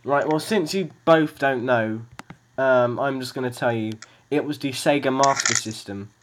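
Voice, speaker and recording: A man's voice: medium pitch, moderate pace, background noise. Playful teasing man hosting a podcast. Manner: playful, teasing, laughs often. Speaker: podcast host. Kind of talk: casual chat. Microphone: video call.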